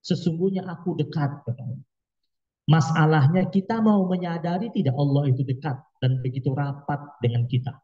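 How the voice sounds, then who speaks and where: A man's voice: fairly high pitch, moderate pace, husky, highs cut off. A man giving an Islamic sermon at a study gathering, emphatic, full of rhetorical questions and dramatic quoted outbursts. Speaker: preacher.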